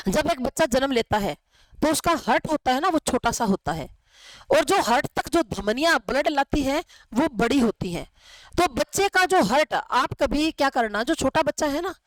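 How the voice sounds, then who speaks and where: A woman's voice: high-pitched, no echo, poor audio. A woman teacher giving a lecture in a chatty way, asking questions and answering them herself. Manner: conversational, asks and answers her own questions. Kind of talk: classroom lecture.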